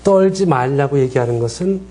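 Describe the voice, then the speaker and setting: A man's voice: medium pitch, brisk, slight background noise. A middle-aged man teaching a counseling class, asking the class questions and acting out short quoted lines. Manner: lively, acts out quoted dialogue, asks the class questions. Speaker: counseling lecturer. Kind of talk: lecture.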